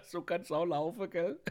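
A middle-aged man with a Swabian German accent, casually telling jokes as host, chuckling often and tagging lines with a questioning "gell". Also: sits high.

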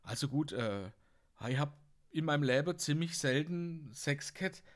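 A man's voice: on the high side, normal speed, lightly acted. A Swabian man doing a bumbling big bad wolf. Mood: sheepish. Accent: Swabian German.

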